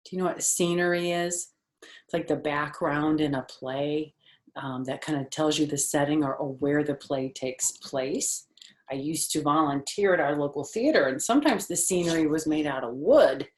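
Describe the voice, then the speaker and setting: With a low, slightly mellow voice, an older woman reads a picture book to children like a chatty grandmother, stopping on phrases and asking her listeners questions between casual asides. The recording is reverberant.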